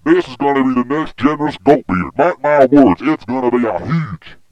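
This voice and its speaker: A man voicing a brash Texan company boss with a booming, folksy drawl in a comedy story. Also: expressive, moderate pace, no echo, dull audio, natural voice. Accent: Texan, put on.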